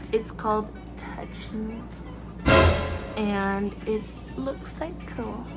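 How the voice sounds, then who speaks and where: Her voice sits in the mid range, and the recording quality is poor. A young Filipino-accented makeup vlogger, she gives casual, bubbly tutorial narration, chatting away as she applies makeup in a small bedroom with fairy lights.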